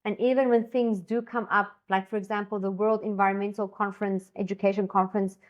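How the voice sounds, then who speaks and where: Speaking a little fast with a flat delivery, this medium-pitched Afrikaans-speaking woman from South Africa rambles enthusiastically, full of fillers and false starts, over lo-fi audio. She is a co-founder and education designer having a casual conversation.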